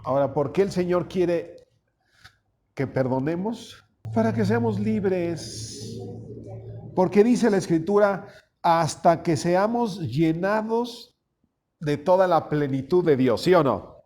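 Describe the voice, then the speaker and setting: A man's voice: high voice, expressive, slow pace, darkish tone. A man preaching a conversational sermon, folksy and often asking his small congregation questions. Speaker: pastor.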